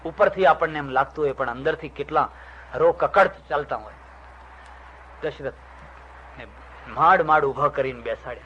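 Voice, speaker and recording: Older man, swami delivering a storytelling discourse, voices the characters, somewhat high pitch, dull lo-fi recording. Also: normal speed, pauses often, fairly bright tone, a little hiss or hum. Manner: acts out dialogue in the stories, shifting voice for each character. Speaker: swami giving a religious discourse. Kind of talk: storytelling sermon.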